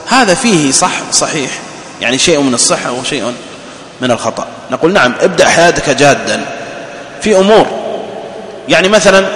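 Lively preacher. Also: male voice, a little high, slight background noise. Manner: lively, swings from loud to quiet, mixes formal and colloquial speech. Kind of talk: mosque sermon. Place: mosque hall. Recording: echoey mosque hall with long reverb.

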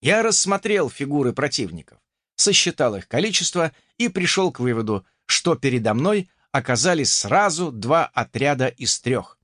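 Sex: male. Role: audiobook narrator. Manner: expressive, lively pitch. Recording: dry and close. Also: normal speed, no echo. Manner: expressive storytelling. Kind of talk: first-person audiobook narration.

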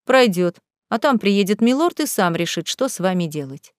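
A cold, scornful butler drawls each word slowly, as if spitting it out, put on by a woman reading a storybook. His voice sits lower than the reader's own and stays weary and contemptuous. The recording is dry and close, with no room echo. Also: big pitch swings, lightly acted. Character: scornful cold middle-aged male butler. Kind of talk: audiobook reading.

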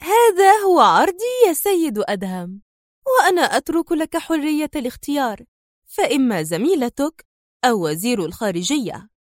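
A woman's voice: a little high, very animated, normal speed, a little mellow, dry recording, clean studio sound. A woman playing a mocking, defiant female spy. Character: defiant, scheming female enemy agent. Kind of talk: audiobook character voice.

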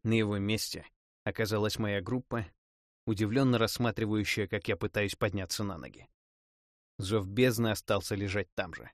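A man narrating a first-person fantasy audiobook in a dramatic, expressive reading. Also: fairly low pitch, moderate pace, dry recording, studio quality.

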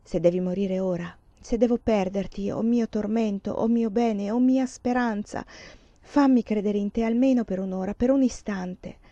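A feverish, imploring young man desperate in love, read by a woman narrator. The voice is mellow and warm in tone, and the sound is dry and a little dull. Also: medium pitch, normal speed, no room sound, lightly acted.

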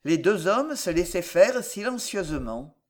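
A woman narrating a historical novel as an audiobook, in an expressive, dramatic reading. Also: on the low side, unhurried.

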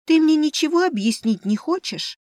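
A woman's voice: sits high, animated, normal speed, a little mellow, no room sound, clean studio sound, voice pushed up. A woman voicing a sleepy, bewildered young heroine in an audiobook, asking indignant questions.

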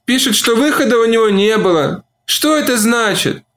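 A heartbroken woman moans her questions through tears, as a male audiobook reader puts her on. Her voice rides high and strained, plaintive and fragile. It is a storybook reading of a proud woman undone by grief. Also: expressive, normal speed, a bit bright, heavily acted. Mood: despairing. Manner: moaning, tearful pleading.

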